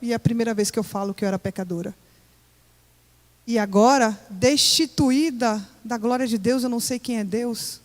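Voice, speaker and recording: Speaking at a normal pace in a slightly high voice, a woman shares her personal testimony with a church congregation, telling her story emotionally. She is a church member, and the recording comes from a church hall full of echo and long reverb.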